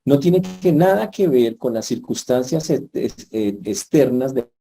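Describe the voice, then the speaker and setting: Husky-voiced pastor preaching. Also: male voice, medium pitch, expressive, a little slow, dark tone. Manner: conversational, asks the congregation questions. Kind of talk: sermon. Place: church.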